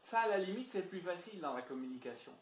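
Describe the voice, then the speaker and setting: Un homme formateur qui anime une séance sur la communication devant un public, en parlant de façon animée et insistante, avec des mots répétés. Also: male voice, high-pitched, fast, roomy sound, slight background noise. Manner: lively, repeats words, emphatic. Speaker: trainer. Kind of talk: communication training talk. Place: meeting room with audience.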